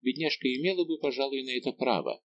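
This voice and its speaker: A man's voice: medium pitch, quick pace, dry recording, lo-fi sound, voice pushed up, close to an everyday voice. A man reading a prim, reproachful noble mother in an audiobook. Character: older noble mother, sharp and grumbling.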